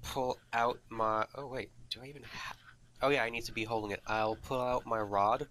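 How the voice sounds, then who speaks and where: A man's voice: mid-range voice, fairly even intonation, normal speed, a bit bright. A man chatting casually as a player in a tabletop game.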